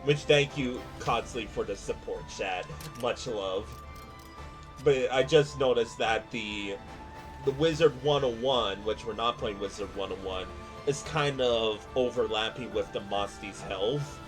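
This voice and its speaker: A man's voice: fairly low pitch, measured pace. A man streaming a video game, giving casual live commentary to his chat. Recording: loud game music behind voice. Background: video game music.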